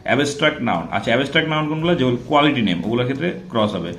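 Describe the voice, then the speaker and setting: A male grammar teacher in a medium-pitched voice talks through a lesson in a casual, classroom way. He spells out and repeats example words and keeps asking rhetorical check-in questions. The sound is roomy, with a clear echo. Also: expressive, very fast, a bit bright.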